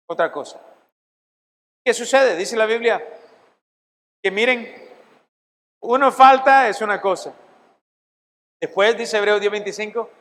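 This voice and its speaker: A middle-aged pastor teaches a seminary Bible class in an emphatic, sermon-like style, putting questions to his listeners. His voice is high with a fairly bright tone, and the recording carries a long hall reverb.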